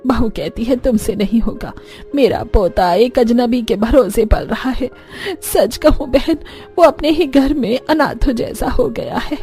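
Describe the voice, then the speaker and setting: An elderly grandmother, anxious and tender, speaks in a plaintive, sighing voice, as a woman puts her on for a cartoon story. The voice still sits fairly high, with faint music playing beneath it. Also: measured pace, dark tone. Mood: sorrowful. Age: older.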